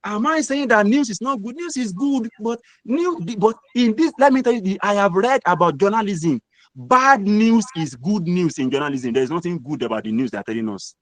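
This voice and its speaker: In a high, animated voice at a moderate pace, a middle-aged guest mentor with a Nigerian accent preaches motivation through emphatic repetition. The recording is dry.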